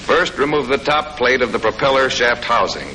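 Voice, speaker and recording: Expressive and bright, with a forceful mid-range voice at normal speed, an American man narrates scripted, matter-of-fact instruction dotted with folksy touches. Think of a 1940s military training film narrator, on a noisy old soundtrack from that era.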